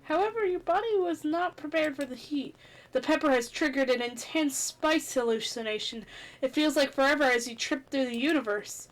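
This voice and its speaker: A woman with a high voice hosts a gaming video. She reads the on-screen story aloud expressively and drops in casual remarks of her own. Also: moderate pace, poor audio. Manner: theatrical, expressive. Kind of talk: reading game dialogue aloud with commentary.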